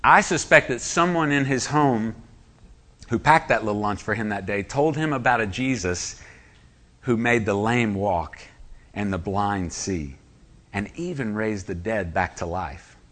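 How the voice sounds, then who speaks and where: Male preacher, bright forceful delivery, emphatic, asks the room questions. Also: fairly low pitch, measured pace. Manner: emphatic, rhetorical questions to the congregation. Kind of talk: sermon.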